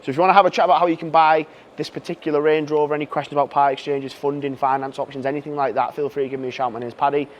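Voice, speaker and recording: Man, car salesman, quick delivery, enthusiastic chatty patter. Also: a little high, flat delivery, a little hiss or hum. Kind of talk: car walkaround sales pitch.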